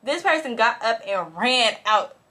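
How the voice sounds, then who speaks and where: A young woman vlogger chatting casually through a storytime as she gets ready, animated and profane, full of "like" and "bro". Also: on the high side, unhurried. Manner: animated, swings between loud and hushed. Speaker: beauty and lifestyle vlogger.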